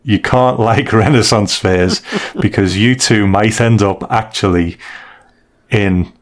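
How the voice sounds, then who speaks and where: A British man co-hosts a casual podcast, offering candid, conversational reviews of stories. His voice is fairly low, and he takes his time.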